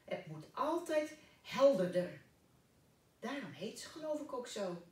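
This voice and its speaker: A fussy, kindly little old man, fretting and emphatic with a lively swing in the voice, as a woman reads him aloud. The recording is echoey and slightly distant. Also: on the high side, unhurried, pitched above the performer's own voice. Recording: echoey room, distant mic.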